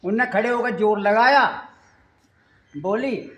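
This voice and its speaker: Slow, high-voiced storyteller woman. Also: echoey room. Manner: amused, chatty. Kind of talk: folk storytelling.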